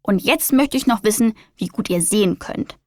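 A woman's voice: medium pitch, lively intonation, moderate pace, dry recording, clean studio sound, natural voice. A woman voicing a kind, patient male children's doctor in a storybook, encouraging and explaining.

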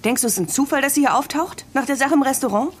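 A woman's voice: high-pitched, rapid-fire, close to an everyday voice. An actress playing a suspicious, insistent young woman in a radio play who keeps asking questions, with music behind.

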